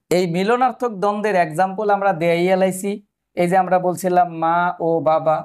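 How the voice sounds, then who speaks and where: High-voiced man teaching grammar. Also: darkish tone. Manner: explains step by step, asks the viewers questions. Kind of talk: exam-prep grammar lesson.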